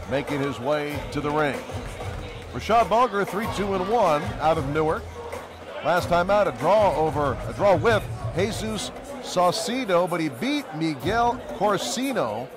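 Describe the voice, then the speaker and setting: A man calls boxing for television in a high-pitched voice. He delivers broadcast commentary as the fighters come out, with clear music and crowd noise behind him. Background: loud music and crowd.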